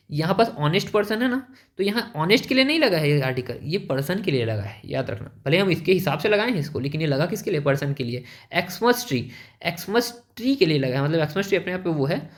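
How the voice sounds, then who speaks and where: A young man teaching an exam-prep grammar lesson, explaining step by step and asking quick check questions. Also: on the high side.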